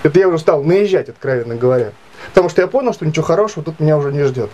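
A man in his late thirties telling a grievance story to camera in a halting, filler-heavy way. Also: a little high, animated, warm tone, lo-fi sound. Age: 30s. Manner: halting, many fillers and restarts, aggrieved retelling. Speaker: vlogger. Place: small indoor room.

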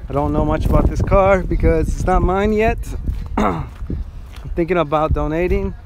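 A man live-streaming a vlog from an outdoor car auction, chatting excitedly with viewers and thanking them over and over. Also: a little high, normal speed, background noise. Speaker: vlogger.

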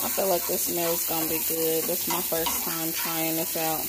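Woman, 30s, low-ish easygoing voice, home-kitchen cooking vlog on a close phone mic. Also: moderate pace, very noisy. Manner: relaxed, chatty, talks to viewers as y'all. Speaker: home cook vlogger. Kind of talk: casual cook-with-me chat. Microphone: phone camera held close.

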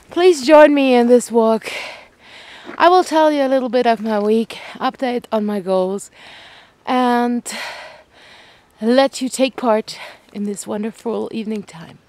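Slow, soft-spoken woman vlogging on a walk. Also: fairly high pitch, no echo. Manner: gentle, reflective, many pauses and restarts. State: mild cold and tired; slightly out of breath from walking. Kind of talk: casual vlog while walking. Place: outdoors on an evening walk. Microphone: handheld camera.

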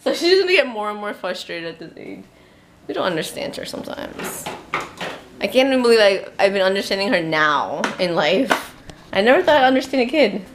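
Lively chatty mom vlogger. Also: female voice, medium pitch, brisk, a little hiss or hum. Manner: chatty, animated, laughs often. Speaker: vlogger, stay-at-home mom. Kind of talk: casual family vlog chat. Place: at home.

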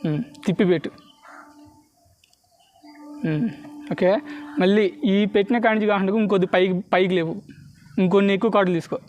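A man's voice: high-pitched, a little fast, long pauses, darkish tone, highs cut off, slight background noise. A man with a Telugu accent giving street performer patter for a card trick, mixing in English words and constantly checking that spectators follow. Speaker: street magician.

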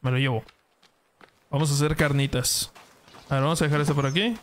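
A man's voice: a little high, steady tone, a little fast. A young man streaming a video game live, chatting casually, yelping at setbacks and greeting viewers by name. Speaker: gaming streamer. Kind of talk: casual live gameplay commentary.

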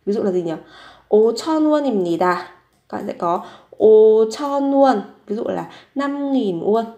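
This Korean teacher speaks fairly quickly in a warm, expressive voice that sits on the high side. She goes over vocabulary patiently, repeating words and asking herself questions about example sentences, in an echoey room.

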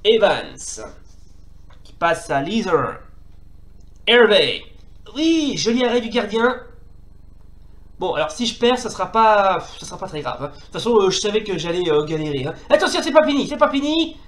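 Excitable French gamer calling a match. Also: male voice, high voice, normal speed, long pauses, roomy sound. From France. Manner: excitable mock sports commentary, swearing, frequent "hein". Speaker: retro gaming YouTuber. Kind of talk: casual gameplay commentary.

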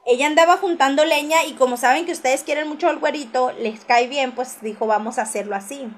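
A woman's voice: sits high, fast, a little hiss or hum. A woman hosting a casual gossip livestream, reading viewer comments aloud and answering them with teasing asides and frequent laughs.

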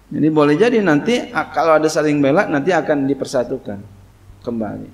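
This Islamic cleric's fairly high, animated voice carries a kitab study sermon on Quranic commentary. After a slow reading of the Arabic, he explains it in relaxed Indonesian peppered with "ya."

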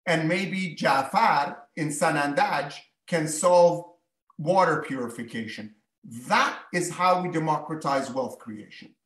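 A man's voice: on the high side, slow pace, a bit bright. A businessman answering as a panel guest, emphatic and fond of rhetorical questions, on an echoey video call. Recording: echoey, distant from mic.

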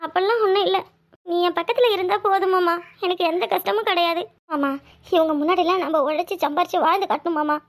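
Woman voicing a hopeful young wife, very high. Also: steady tone, fast talker. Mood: earnest. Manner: earnest, hopeful. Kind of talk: cartoon voice acting.

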